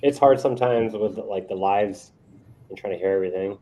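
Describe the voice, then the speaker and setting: A man coaching a colleague after a sales call, giving encouraging feedback in a casual, lively way. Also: on the low side, a little fast.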